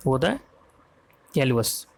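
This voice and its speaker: A man's voice: mid-range voice, very animated, a little slow, creaky. A man with an Indian accent teaching English vocabulary for an exam, spelling words out letter by letter and often checking that students follow.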